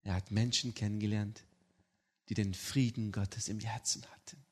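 A man preaching his personal testimony to a congregation, telling the story in a lively way and checking in with the listeners. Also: fairly low pitch, moderate pace. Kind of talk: sermon testimony.

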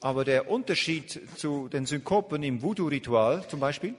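A man's voice: a little high, expressive, moderate pace. A man interpreting a lecture live, hesitant and full of filler sounds as he searches for words. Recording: long hall reverb.

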